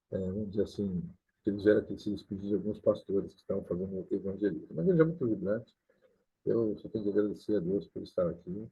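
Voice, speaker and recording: A Brazilian man, a pastor, talking casually to the camera and explaining things slowly, often adding "né?" at the end. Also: fairly low pitch, gravelly, husky. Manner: explains slowly with many "né?" tags. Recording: tinny lo-fi sound.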